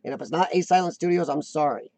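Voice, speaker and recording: A man's voice: on the high side, fast, a little mellow, dry recording. A man hosting a casual live-stream chat, rambling and self-deprecating, often restarting his sentences. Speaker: host of a live chat show.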